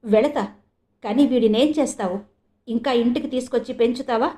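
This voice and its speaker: A bitter young husband who taunts with cold sarcasm, read by a woman. The voice keeps a mellow, warm tone and sits fairly high. It is a storybook figure in an audio novel. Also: normal speed, natural voice. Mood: mocking. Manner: mocking, cold.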